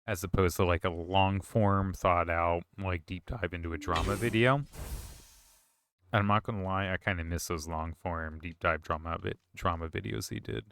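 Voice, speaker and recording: A man's voice: sits low, fairly even intonation, moderate pace, gravelly, fairly bright tone, clear, resonant tone, dry recording. A man streaming a game, chatting casually with viewers in a rambling, self-correcting way. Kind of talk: casual chat while gaming.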